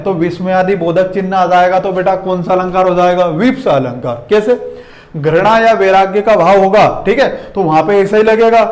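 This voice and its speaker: A man's voice: sits high, darkish tone. A man teaching a lesson to students, calling them "beta", asking quiz questions and checking in with "theek hai". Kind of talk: classroom lesson.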